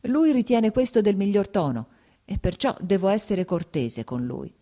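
A woman's voice: medium pitch, sing-song, normal speed, dark tone. A woman voicing an agitated, jealous young husband in an audiobook, speaking in pleading, broken outbursts. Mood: anguished.

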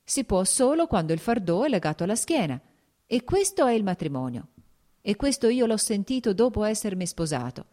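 Audiobook: woman voicing a smooth-talking married officer, measured and persuasive. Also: mid-range voice, sing-song, dark tone, pitched above the performer's own voice, natural voice.

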